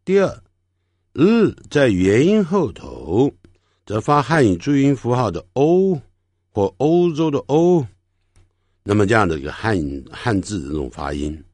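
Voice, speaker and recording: A man teaching pronunciation in a slow, unhurried way. His pitch moves a lot as he stresses sounds, and he repeats practice words patiently for the learner. The recording is dry and close. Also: big pitch swings, darkish tone, no room sound. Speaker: English teacher. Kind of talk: pronunciation lesson.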